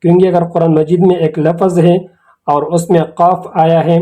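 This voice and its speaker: A man teaching Quran recitation in a slow, patient lesson, repeating key words and phrases. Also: on the high side, flat delivery, dark tone. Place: academy channel video lesson.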